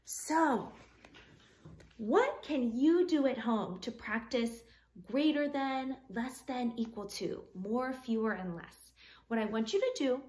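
With a voice on the higher side, a woman in her thirties reads a picture book aloud to children in her living room. Like a teacher, she uses an expressive sing-song delivery and breaks off to ask the little ones simple math questions.

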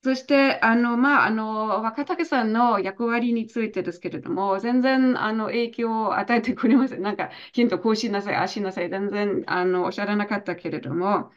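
A woman's voice: fairly high pitch, moderate pace, hardly any pauses. Woman interpreting over a dull call line. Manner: hesitant, many fillers. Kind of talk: consecutive interpreting in an online talk. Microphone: video call.

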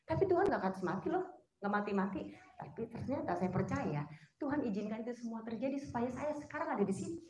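A woman's voice: fairly high pitch, fast talker. A woman giving a personal testimony at a church service, speaking straight to the congregation and asking it questions. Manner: animated, addresses the congregation directly and asks it questions. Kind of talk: sermon-style personal testimony. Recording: echoey hall sound.

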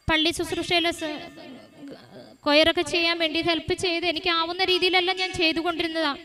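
A woman's voice: extremely high pitch, pushed and bright. A woman gives an earnest, emotional church testimony, telling her story with frequent restarts. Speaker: testimony giver.

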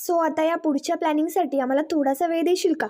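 A calculating young woman keeps her scheming family in check, read by a woman narrator. She talks in a careful, warning way, and the voice is high and mellow. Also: fairly even intonation, fast talker, lightly acted. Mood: coaxing. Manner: calculating, cautioning.

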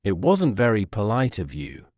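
A man's voice: fairly low pitch, wildly swooping pitch, moderate pace, darkish tone, no room sound, clean studio sound. Alice, a polite curious girl, read by a man. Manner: politely questioning.

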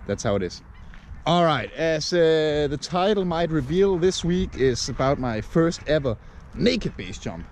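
A man's voice: on the high side, expressive, measured pace, darkish tone, slight background noise. A man from Denmark in his thirties, talking casually to a camera held at arm's length outdoors, rambling with lots of fillers. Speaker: vlogger. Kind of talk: casual vlog talk to camera. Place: outdoors on a chilly morning.

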